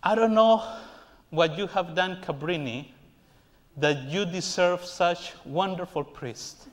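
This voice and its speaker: A male priest with a high voice delivers a slow homily before the altar in a large church sanctuary. His preaching is earnest with playful, self-mocking jokes, captured by a far camera at the back of the church.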